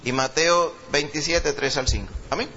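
A male pastor with a Puerto Rican accent who leads a sermon, reads scripture slowly with rising emphasis, and prays fervently, repeating "Señor" and "Padre". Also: on the high side, pushed and bright, muffled recording, slight background noise. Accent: Puerto Rican Spanish. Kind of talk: sermon with scripture reading and prayer.

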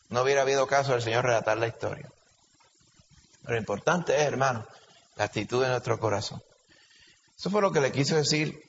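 A man preaching a sermon with a Puerto Rican Spanish accent, animated and full of rhetorical questions. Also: mid-range voice, a little hiss or hum. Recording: lo-fi recording with long hall reverb.

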